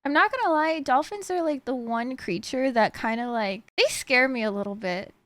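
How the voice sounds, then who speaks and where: A woman's voice: sits high, moderate pace, a bit bright, no echo. An American woman streamer chatting casually in a cute, bubbly anime-streamer manner as she reacts live. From United States (California).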